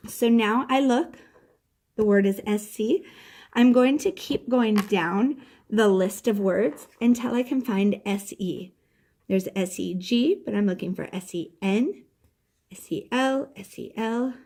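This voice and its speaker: A woman's voice: medium pitch, measured pace, a little mellow. A woman teacher giving a patient classroom lesson, spelling out words letter by letter as she explains a step.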